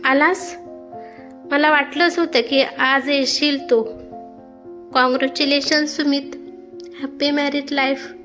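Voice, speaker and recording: A woman voicing the gentle ghost of a young woman, speaking softly and tenderly. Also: high-pitched, steady tone, slow pace, pauses often, faint music behind, full character voice.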